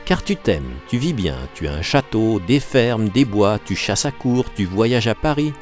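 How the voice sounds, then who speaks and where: A bitter, pleading young woman pours out her reproaches in an impassioned storybook reading, voiced by a man. Her pitch sits well above the reader's own low voice and swings widely, with faint music under the reading. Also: big pitch swings, measured pace. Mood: bitter, reproachful. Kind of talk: audiobook reading.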